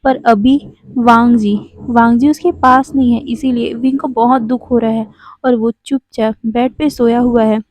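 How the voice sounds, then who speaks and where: A woman telling a fan-fiction story in a casual, chatty way, often rephrasing as she goes. Her voice sits high but mellow and soft-edged, recorded close and dry. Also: steady tone, measured pace, no room sound. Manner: chatty, restates with "matlab ki".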